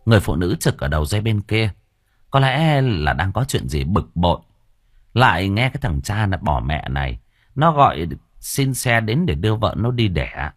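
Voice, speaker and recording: A man's voice: lowish voice, big pitch swings, moderate pace, dry recording. A man narrating a comic story as an audiobook reader, close to the mic.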